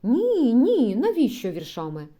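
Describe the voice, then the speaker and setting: A naive, hot-tempered bourgeois gentleman, as a woman reader puts him on, with an eager exclaiming manner and a loud, lively voice that swings high and low. The tone is mellow and warm. It sounds like a storybook comedy read aloud. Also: measured pace. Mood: protesting.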